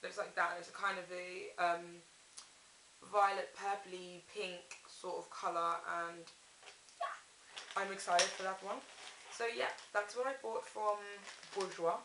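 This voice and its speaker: A woman's voice: medium pitch, steady tone, measured pace. A young woman chatting through a casual beauty haul in a small tiled bathroom at night, giggling and correcting herself, her voice echoing off the walls. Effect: echoey bathroom sound. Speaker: beauty vlogger. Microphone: camera in front, facing her. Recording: echoey bathroom with faint hiss.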